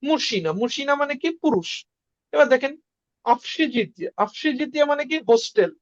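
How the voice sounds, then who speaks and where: A woman's voice: high voice, expressive, brisk, no echo. A woman teaching a beginner language lesson, repeating sounds one by one and quizzing the listener on word meanings. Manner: drills sounds with repetition and quizzing questions. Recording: dry, muffled lo-fi sound.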